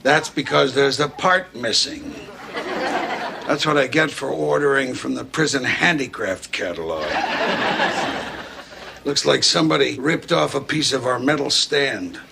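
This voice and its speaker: Gravelly, upbeat man, laughing audience and noise behind. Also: medium pitch, unhurried, a crowd in the background. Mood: cheerful. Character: upbeat man defending a broken hammock. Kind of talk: sitcom acting.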